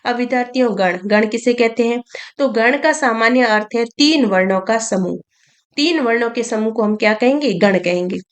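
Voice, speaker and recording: A woman teaching a grammar lesson to students, explaining slowly and repeating key terms as she asks and answers her own questions. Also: fairly high pitch.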